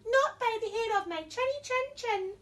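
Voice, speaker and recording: Storybook little pig played by a woman: very high squeal, defiant and scared, picked up from a distance. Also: lively intonation, normal speed, fairly bright tone, a little hiss or hum. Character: frightened, defiant little pigs in a children's storybook.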